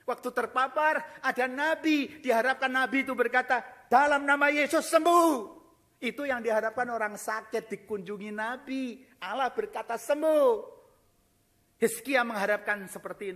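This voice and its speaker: A man preaching a sermon, swinging from quiet low reading to loud shouted appeals, slipping English phrases into his preaching. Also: steady tone, a little fast, few pauses.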